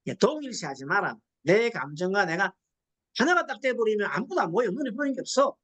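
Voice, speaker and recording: A woman's voice: medium pitch, very animated, fast talker, fairly bright tone. A middle-aged woman, a Buddhist nun, gives a classroom lecture on psychology counseling, quizzing the class and acting out quoted dialogue.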